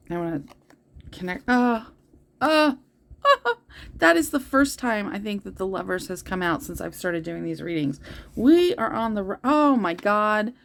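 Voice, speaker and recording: A woman's voice: fairly low pitch, creaky, slight background noise. A woman giving a heartfelt tarot reading, talking earnestly and directly to her listeners. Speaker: tarot reader. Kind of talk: spiritual tarot reading to viewers.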